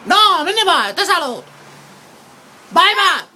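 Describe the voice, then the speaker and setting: A woman with a Sicilian accent talks to her pet bird in a very high, piercing register. She drawls her words slowly, repeating herself as she coos and scolds. Her tone is bright and cutting. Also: sing-song, a little hiss or hum.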